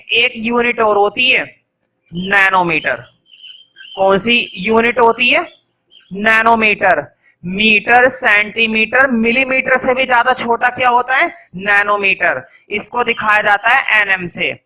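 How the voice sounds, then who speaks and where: A young male science teacher talks in a high, bright voice. He quizzes his students as he goes. He then slows right down to dictate notes word by word. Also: rough recording. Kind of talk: classroom lecture in Hindi with English dictation.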